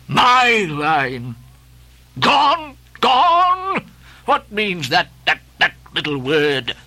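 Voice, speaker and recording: A man's voice: high voice, huge pitch swings, extremely slow, bright, forceful tone, no room sound, heavily acted. A man voicing an obsessed old sea captain who barks orders in grandiose, archaic speech. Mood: commanding. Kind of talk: dramatic audiobook reading.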